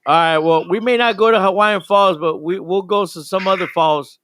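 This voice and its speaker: A man's voice: high voice, normal speed, a bit bright, a little hiss or hum. An older man, a pastor hosting a live radio show, talking in an enthusiastic, rambling way with frequent restarts.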